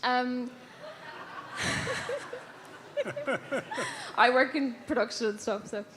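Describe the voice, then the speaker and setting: Accepting her award at a stage mic in a ballroom, this Irish folk musician from the west of Ireland speaks extremely slowly in a steady, rather high voice, with background noise present. She hesitates a lot, restarting sentences and leaning on fillers.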